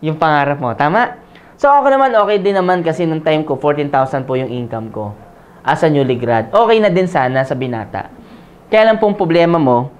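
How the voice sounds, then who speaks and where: A man's voice: on the high side, a little mellow. A man from the Philippines in his forties, telling his own story in a motivational sales presentation, often checking with the audience and slipping in jokes. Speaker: business presenter. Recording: dull lo-fi audio.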